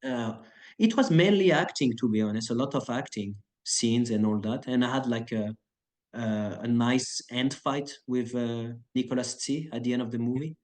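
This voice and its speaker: This casual interview chat features a chill guy in his 30s who works as an action choreographer and actor. Speaking at a moderate pace with medium pitch, he rambles in a relaxed way, heavy on fillers like "uh" and "like" and prone to restarting.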